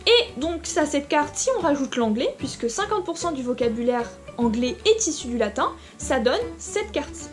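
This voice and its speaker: A woman's voice: high voice, big pitch swings, moderate pace, few pauses, faint music behind. A woman teaching a short lesson, talking directly to the viewer in an informal way with frequent hesitations. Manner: informal, addresses viewer directly, many fillers. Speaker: Latin teacher. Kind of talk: explanatory lesson video.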